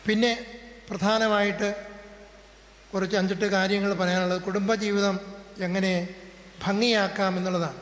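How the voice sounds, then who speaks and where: A middle-aged man, a priest with a Kerala Malayalam accent, gives a slow, measured sermon on family life and acts out everyday examples. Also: high voice, little pitch movement, a bit bright. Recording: reverberant hall.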